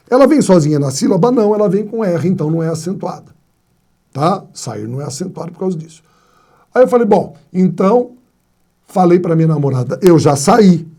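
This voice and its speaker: A man's voice: on the high side, mellow. A man teaching a grammar lesson, asking and answering his own questions and telling playful anecdotes. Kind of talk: classroom lecture on spelling rules.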